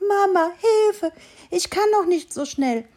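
A woman voicing a small, frightened young fawn that pleads in a high, breathless voice while reading a storybook aloud. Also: expressive, slow pace, darkish tone, exaggerated voice. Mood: panting, pleading.

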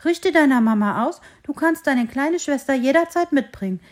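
A woman voicing a small, shy young male fir tree in a storybook reading, speaking in a high, eager voice. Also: normal speed. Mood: relieved. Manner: bright, eager, high and lively.

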